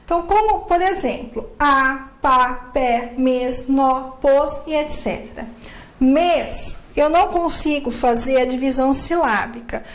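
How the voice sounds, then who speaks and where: A woman's voice: sits high, unhurried, roomy sound. A woman teaching a grammar lesson, explaining step by step and asking and answering her own questions.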